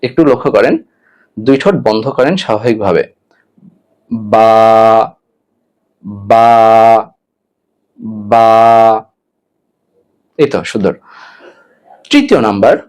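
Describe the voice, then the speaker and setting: A man's voice: mid-range voice, darkish tone. A man teaching an online Quran lesson, patiently giving step-by-step mouth instructions and repeating each letter sound three times.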